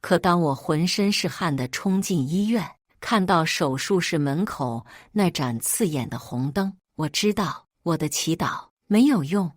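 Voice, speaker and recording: Woman reading an emotional story aloud, lowish voice, dry close sound. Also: expressive, measured pace, hardly any pauses, dry recording. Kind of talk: scripted first-person story narration.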